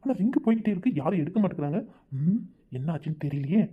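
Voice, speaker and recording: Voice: medium pitch, animated, fast talker, husky. Someone voicing Kathir, a sullen lovesick young man. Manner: sullen, snapping. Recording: dull lo-fi recording.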